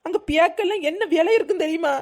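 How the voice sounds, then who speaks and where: A woman's voice: very high voice, fast talker, a little mellow. A woman acting a melodramatic wife with a Kanyakumari Tamil accent, theatrically teary and complaining. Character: melodramatic wife seeing husband off abroad. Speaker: comedy sketch actor.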